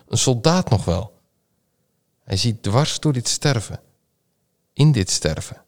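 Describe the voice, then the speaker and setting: Male preacher, low voice; measured, solemn scripture reading and sermon. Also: darkish tone. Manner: slow, measured, solemn delivery.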